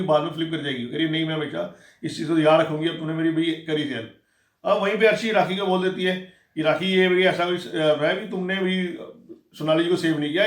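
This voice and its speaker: Guy talking quick and high, retelling the whole episode, echoey room. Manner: rapid, animated retelling, acting out quoted lines. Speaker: reality show recap narrator. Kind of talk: casual spoken episode recap.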